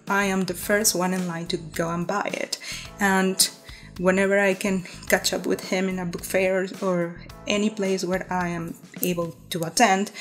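Brief: unhurried female artist voice-over, casual and easygoing, soft music behind. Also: medium pitch. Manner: easygoing, laid-back, many fillers. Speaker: artist vlogger.

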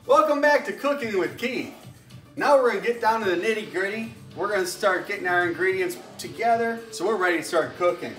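A man's voice: high voice, lively intonation, a little fast, a bit bright, soft background music. A middle-aged man hosting a homemade cooking show in his kitchen, explaining each step in a folksy way while he stirs. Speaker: home cooking show host. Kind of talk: casual cooking demonstration. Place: home kitchen indoors.

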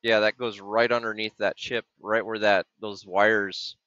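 Speaking at a measured pace with a level tone, a middle-aged maker explains his project by casually walking through a chip datasheet and circuit board on a screen-share, thinking aloud with frequent ums and restarts. His fairly low voice sounds pushed and bright, on dull, dry, lo-fi webcam audio.

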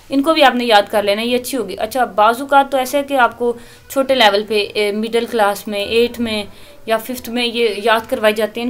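A woman giving a recorded lecture, explaining English grammar in Urdu. She reads the English examples out slowly and often corrects herself mid-sentence. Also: fairly high pitch.

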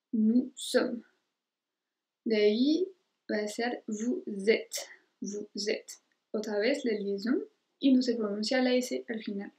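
French-born woman, native French speaker, patient language teacher, slightly high pitch, slow deliberate delivery, roomy echo. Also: darkish tone. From France. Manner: slow, careful modeling of French conjugations. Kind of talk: language lesson.

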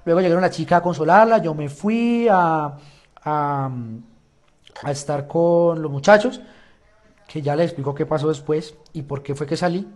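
A man's voice: on the high side, moderate pace. A young man telling his side of a story in casual talk, acting out quoted dialogue. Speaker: reality show contestant. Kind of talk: casual explanation to camera.

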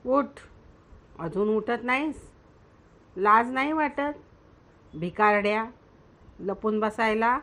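A woman's voice: a little high, lively intonation, takes it slowly, long pauses, a bit bright. A woman voicing a stern, scolding village mother in a storybook reading, her tone commanding.

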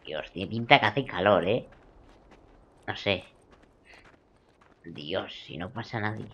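A man's voice: lowish voice, slow, slightly rough, muffled recording. Jokey man. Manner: jokey, swearing, muttering then suddenly shouting. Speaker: gaming video creator. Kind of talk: let's play commentary.

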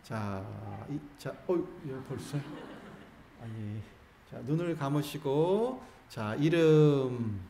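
A man's voice: mid-range voice, animated, slow, mellow, slight background noise. A man, a Buddhist monk, giving a Sunday dharma talk and coaxing his listeners through call-and-response practice with jokes. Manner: playful, coaxing, jokes with the audience. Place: temple hall. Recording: roomy hall with faint ambience.

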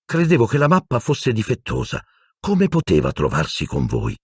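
A man voicing a calm, patient middle-aged wizard teacher in an audiobook, explaining in a measured, slightly impatient way. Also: mid-range voice, husky, dry recording, clean studio sound, pitched above the performer's own voice, heavily acted.

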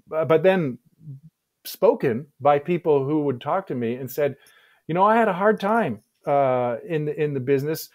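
A middle-aged man answering interview questions on a video call, speaking in a measured, thoughtful way with frequent restarts, on a headset mic in a home office. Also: on the high side, darkish tone. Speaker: guest historian.

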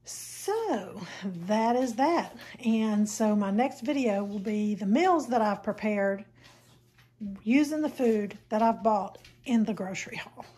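This vlogger, a woman in her fifties, talks through her grocery haul indoors in her home kitchen, wandering off a little with ums and corrections of herself. She speaks slowly in an animated, warm mid-range voice with a breathy edge.

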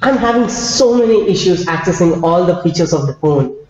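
Man acting out irritated young male customer, lively pitch swings, heavy echo, dull recording. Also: a little fast. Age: young adult. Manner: impatient, complaining. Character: irate young male customer threatening to sue. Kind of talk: customer complaint role-play. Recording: very echoey hall-like room, dull, faint noise.

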